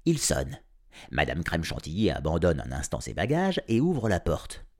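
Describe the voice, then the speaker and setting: A man reading an audiobook aloud, narrating as a grumpy cat in a sardonic, animated first-person voice. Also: sits low, moderate pace. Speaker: storyteller.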